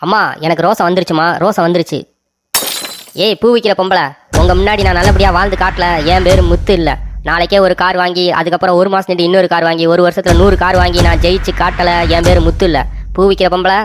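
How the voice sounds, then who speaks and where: A pleading, boastful young husband, as a woman voices him for a comic cartoon story. The voice sits low and rushes along quickly, repeating every line twice. Faint music plays underneath. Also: fairly even intonation, natural voice.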